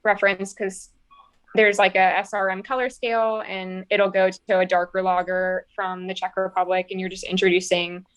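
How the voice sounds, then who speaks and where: A woman's voice: medium pitch, level tone, moderate pace, smooth. Woman brewer explaining in casual talk. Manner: explains technical detail with many fillers. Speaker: brewer guest. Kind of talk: casual chat.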